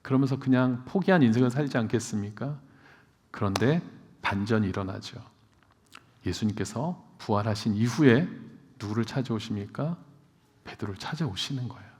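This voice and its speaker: A man's voice: mid-range voice, animated, normal speed, a little mellow, slight background noise. A male pastor preaching a sermon, addressing the congregation with frequent rhetorical questions. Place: church sanctuary. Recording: long reverb of a church hall.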